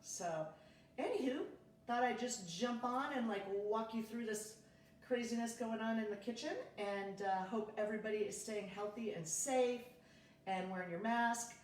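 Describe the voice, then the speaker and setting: A woman's voice: on the high side, normal speed, recorded from a distance, slight background noise. A woman in her thirties, a realtor chatting casually on a livestream from her kitchen and greeting viewers by name. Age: 30s. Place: home kitchen. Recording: echoey room, from off-mic.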